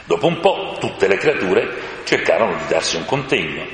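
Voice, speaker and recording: A man narrating a storybook, expressive and varied in his telling. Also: low voice, moderate pace, slight background noise. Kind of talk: storybook reading. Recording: echoey room with long reverb.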